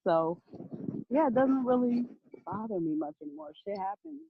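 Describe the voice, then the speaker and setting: A woman's voice: medium pitch, expressive, normal speed, slightly rough, no room sound. A woman guest chatting casually about her podcast, laughing often and swearing freely. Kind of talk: casual interview chat. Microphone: video or phone call. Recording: tinny phone-like line.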